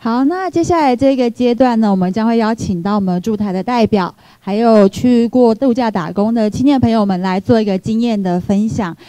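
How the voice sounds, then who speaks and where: A Taiwanese woman works as a formal event host. Her voice is fairly high and mellow, with little echo around it as she announces each part of the program. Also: a little fast, few pauses. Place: indoor seminar hall.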